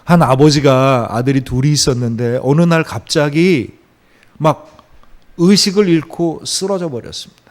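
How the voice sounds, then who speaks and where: Korean pastor preaching with swelling emphasis. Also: male voice, a little high. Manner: storytelling with acted quotes, rising to emphatic peaks; drops to soft, slow phrases. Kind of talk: sermon.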